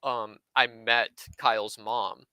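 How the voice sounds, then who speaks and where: A man in his twenties, a podcast guest, telling an animated anecdote and acting out what others said. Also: mid-range voice, slow pace, smooth, no echo, low-quality recording. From Southern California. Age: 20s. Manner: animated anecdote teller, acts out quoted voices. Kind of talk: casual storytelling chat.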